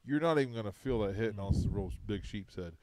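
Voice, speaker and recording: A man's voice: lowish voice, expressive, fast, darkish tone, no room sound. A man co-hosting a fishing radio show, sharing tips in casual, rambling chat with many restarts.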